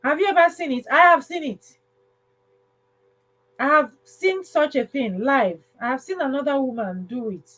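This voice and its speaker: A woman hosts a casual livestream giving advice, speaking emphatically and repeating phrases for stress. Her high voice is a bit bright and moves at a moderate pace, and the recording is rough.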